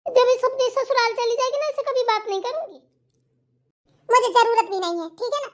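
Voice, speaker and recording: Brief: shrill whiny cartoon teen daughter, always complaining she gets blamed, voiced by a woman. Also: a little fast, a bit bright. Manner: complaining, raised whiny pitch. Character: whiny teenage elder daughter, sulky and quarrelsome.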